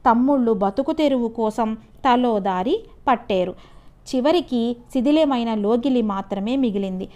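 A woman's voice: fairly high pitch, moderate pace, a little mellow. Telugu woman lecturer reading a story aloud. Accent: Telugu regional (Andhra).

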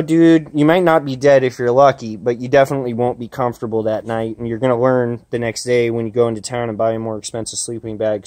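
Holding a camera outdoors at his campsite, a thirtysomething man casually talks through camping gear tips, plainly and chattily, with plenty of "uh"s and "um"s. He has a mid-range voice, and there's no echo on the recording.

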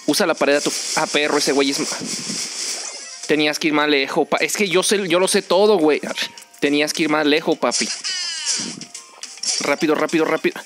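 Young Mexican male streamer, teasing and excitable, high pitched, clear game music underneath. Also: brisk, pauses often. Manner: joking, excitable, teasing teammates. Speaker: gaming streamer. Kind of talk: casual gameplay commentary.

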